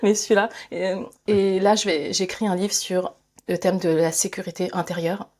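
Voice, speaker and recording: A French author and speaker, appearing as a guest in a conversational interview, talks at normal speed in a fairly low, steady, darkish voice. She thinks aloud with many fillers and restarts, laughing frequently.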